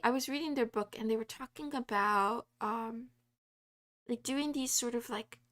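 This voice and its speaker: A woman codes on a live stream, chatting casually with her viewers in a rambling way full of fillers and frequent laughter. Her voice is a little high.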